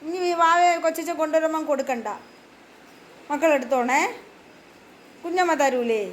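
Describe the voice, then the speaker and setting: A woman working as a preschool teacher who talks with small children in a sing-song way, asking them questions and gently scolding them. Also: high voice, normal speed, slight background noise. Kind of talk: coaxing talk with small children. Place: preschool classroom.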